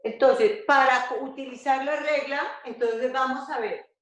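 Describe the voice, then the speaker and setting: High-voiced teacher in an echoey room. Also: female voice, fairly even intonation. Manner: slow, repetitive, checks with "¿cierto?". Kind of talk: remote math lesson for children. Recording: echoey dull home recording.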